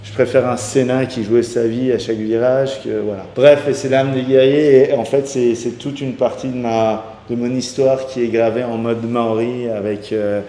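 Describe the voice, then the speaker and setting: A man's voice: mid-range voice, fairly even intonation, moderate pace, few pauses, warm tone. A man hosting a casual interview chat, talking enthusiastically with many restarts. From Iranian heritage. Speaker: host. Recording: echoey room with long reverb.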